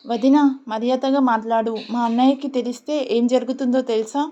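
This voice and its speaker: A woman's voice: on the high side, fairly even intonation, fairly quick, warm tone, close to an everyday voice. A woman voicing a defiant young woman who protests being mistreated, on a dull lo-fi recording. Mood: indignant. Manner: protesting, indignant.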